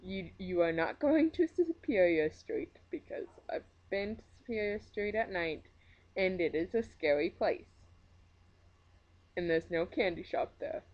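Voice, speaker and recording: A woman's voice: lowish voice, expressive, a little slow, highs cut off. A woman with a Minnesota accent giving a casual, opinionated book review rant, emphatic, blunt and joking in her exasperation. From Minnesota, USA.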